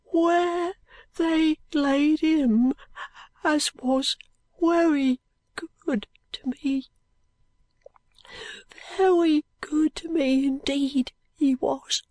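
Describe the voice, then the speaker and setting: A woman voicing a weak, dying street boy who talks in dialect with faint, halting whispers. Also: sits high, fairly even intonation, a little mellow, no room sound, pitched above the performer's own voice. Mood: feeble. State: weak and breathless.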